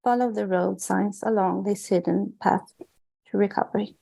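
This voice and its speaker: Swedish-accented woman author reading her book aloud, gravelly and mellow, flat delivery. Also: mid-range voice, poor audio. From Sweden. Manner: earnest, measured, with small restarts. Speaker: author and guest.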